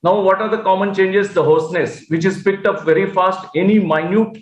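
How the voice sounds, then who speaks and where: A man's voice: high voice, steady tone, a little fast, echoey room, rough recording. A man with an Indian English accent giving an online medical lecture, explaining as he goes with many fillers and restarts. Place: at home or in an office on a video call.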